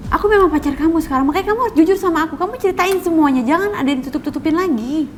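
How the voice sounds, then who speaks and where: A woman's voice: very high voice, rapid-fire, a little hiss or hum. An actress playing a young woman who presses her boyfriend for the truth, insistent and questioning, in a TV soap drama. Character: young woman Kejora, insistent worried girlfriend.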